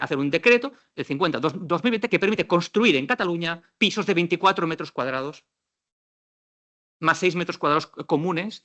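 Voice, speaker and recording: A middle-aged Spanish man with a slightly high voice gives a lively, ironic conference talk on housing law, acting out the dialogues he quotes.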